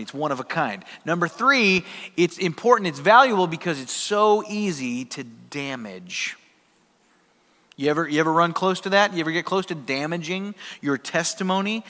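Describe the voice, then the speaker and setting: A male pastor preaching a sermon, telling a humorous personal story with lively, animated delivery in a church. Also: fairly high pitch. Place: church sanctuary. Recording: reverberant church hall.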